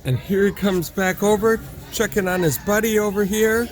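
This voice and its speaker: With music playing behind him, the host of a travel video channel casually narrates animal sightings, exclaiming in awe. His medium-pitched voice keeps a steady tone at a normal speed.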